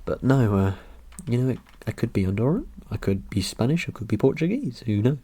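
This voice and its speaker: A man's voice: mid-range voice, big pitch swings, brisk, dark tone, breathy edge. A young man chatting casually about his ancestry results, rambling and joking with lots of ums and uhs. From Britain. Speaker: vlogger. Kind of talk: casual commentary over results.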